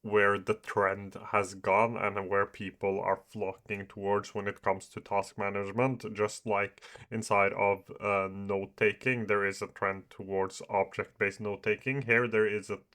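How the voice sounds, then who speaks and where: A young YouTuber who reviews apps, whose first language is Norwegian or Farsi, gives a casual screen-share walkthrough, hesitant and full of "uh" and "like." His lowish, slightly bright voice stays fairly level in pitch at a measured pace, with few pauses.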